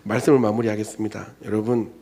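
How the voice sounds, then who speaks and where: A man in his forties preaching a sermon as a youth pastor in a church, telling stories with acted-out voices and dropping to hushed tones for emphasis. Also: lowish voice, quick pace. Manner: animated storytelling, acts out quoted voices, drops to soft hushed tones for emphasis. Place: church sanctuary.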